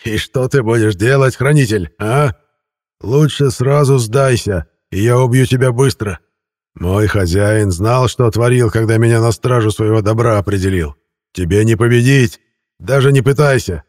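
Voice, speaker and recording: A man voicing a gloating, murderous old ghost in an audiobook, with a croaking, menacing voice. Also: mid-range voice, moderate pace, a little mellow, dry recording, clean studio sound, natural voice. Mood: mocking. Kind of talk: audiobook character voice.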